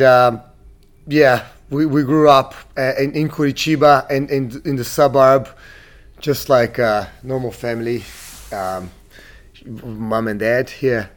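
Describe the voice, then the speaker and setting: Man, from Brazil, thirties, gym owner guest, casual interview, hesitant, many fillers. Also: mid-range voice.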